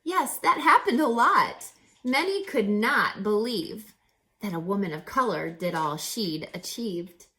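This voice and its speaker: This teacher reads a children's story with a medium-pitched, expressive voice that sounds pushed and bright, and she doesn't hurry. Her delivery is dramatic and emphatic, full of rhetorical questions and teacherly asides.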